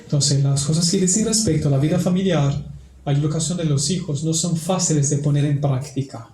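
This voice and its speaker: A man with a fairly high, soft-edged voice speaks as a priest to the faithful. His delivery is didactic, leaning on repeated phrases. The room rings around him like a cathedral, with a faint noise underneath. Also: a little fast, reverberant. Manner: didactic, repeats phrases for emphasis, tag questions. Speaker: priest giving a family workshop. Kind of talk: religious talk and prayer. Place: large reverberant indoor room.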